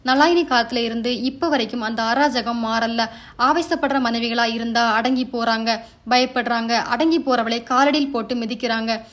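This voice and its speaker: A woman's voice: on the high side, fairly even intonation, normal speed, a bit bright, lightly acted. A woman voicing a resolute, defiant young wife in a read-aloud story, speaking firmly.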